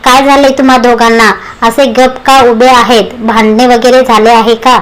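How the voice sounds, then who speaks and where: A caring, worried middle-aged mother who asks gentle, anxious questions in a storybook reading, voiced by a woman. The voice sits high. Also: little pitch movement, moderate pace, lightly acted, poor audio.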